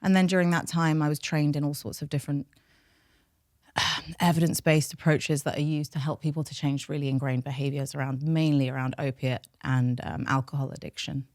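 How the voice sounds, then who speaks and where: In a candid interview, a North London woman with a London accent, a native Farsi speaker, reflects openly on herself as a podcast guest specializing in behaviour change. Her low voice is steady, a little mellow and slightly quick, recorded dry at studio quality.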